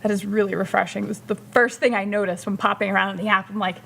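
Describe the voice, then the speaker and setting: A woman's voice: medium pitch, steady tone, quick pace, vocal fry, fairly bright tone, slight background noise. A woman hosting a casual livestream chat, reading out and answering viewer comments. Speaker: streamer hosting a hobby chat.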